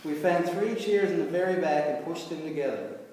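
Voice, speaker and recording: A man's voice: a little high, moderate pace, a little mellow, slight background noise. Man reading his story in an echoey hall. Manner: dry, wry storytelling. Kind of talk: live fiction reading. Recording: echoey hall, far from mic.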